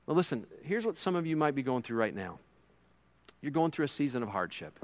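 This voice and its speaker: A middle-aged man preaching a sermon as pastor, emphatic and swinging between loud and hushed delivery. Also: mid-range voice, sing-song, brisk.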